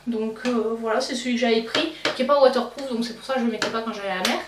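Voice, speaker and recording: A woman's voice: on the high side, rapid-fire. Young Belgian woman, casual beauty chat, hesitant, distant roomy sound, light background hiss. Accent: Belgian French. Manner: hesitant, many fillers and restarts. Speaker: beauty vlogger. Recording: roomy, slightly distant mic, faint noise.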